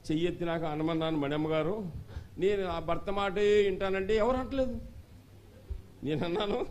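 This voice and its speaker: High-voiced man preaching a lively sermon. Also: slight background noise. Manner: animated call-and-response, questioning the congregation; shouts at climaxes. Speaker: bishop preaching.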